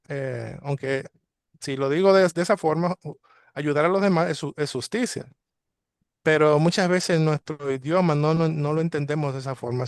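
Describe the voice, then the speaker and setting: A man gives a daily Torah study talk in a slightly high voice. He halts often, filling gaps and starting his phrases over. The sound is dry and close. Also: no room sound. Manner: hesitant, many fillers and restarts. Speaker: congregation teacher.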